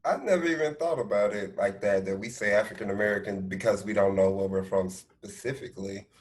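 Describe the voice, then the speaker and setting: A man's voice: lowish voice, brisk. A man in his thirties co-hosting a podcast, chatting casually and laughing easily, from home on a video call. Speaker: podcast co-host. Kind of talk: casual conversational interview. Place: indoors at home.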